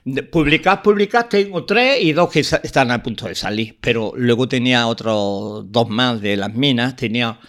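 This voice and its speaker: A man's voice: medium pitch, lively intonation, moderate pace, hardly any pauses, fairly bright tone. An older man, a guest poet telling heartfelt stories in a radio interview. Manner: earnest, heartfelt storytelling with frequent restarts. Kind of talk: radio interview, reminiscing and introducing poems.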